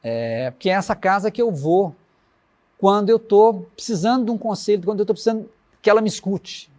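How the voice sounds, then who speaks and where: Reflective Brazilian man in his sixties. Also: sits high. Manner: warm storytelling, recites his lyrics slowly. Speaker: musician guest. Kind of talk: reflective interview talk.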